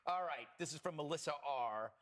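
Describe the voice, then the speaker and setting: A man's voice: on the high side, expressive, a little fast, fairly bright tone, slight background noise. A man hosting a panel talk show, teasing his co-hosts with wry jokes.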